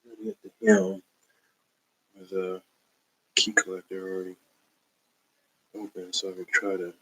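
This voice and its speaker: A comic book collector with a deep, flat voice talks a little slowly and with a sharp tone while showing off a haul in a casual video. He's laid-back and slangy, rambling with lots of fillers, and the recording is rough.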